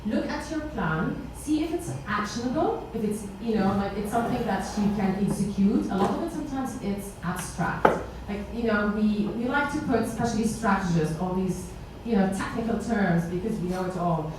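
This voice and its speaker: On a panel at an indoor meetup space with a seated audience, a woman gives an audience member practical, conversational advice. Her medium-pitched voice runs at normal speed with hardly any pauses, picked up by a distant camera in a very echoey, noisy room.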